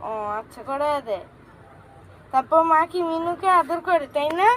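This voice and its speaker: High-voiced woman cooing to her cat. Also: animated, normal speed, slight background noise, rough recording. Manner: gentle sing-song questioning. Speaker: cat owner. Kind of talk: baby talk to a pet cat. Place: home with cats.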